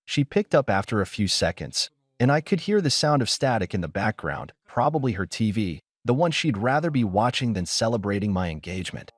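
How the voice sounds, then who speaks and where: A man's voice: fairly low pitch, sing-song, brisk, hardly any pauses, dry recording. A man reading a dramatic first-person story aloud as a scripted narration.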